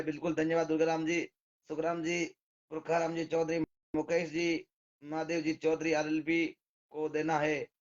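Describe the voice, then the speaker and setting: Hosting a live stream, a devotional singer with a Rajasthani accent and a hoarse, somewhat high voice greets viewers one by one, thanking each by name in a relaxed way. The sound is dull and lo-fi, as if coming from a phone.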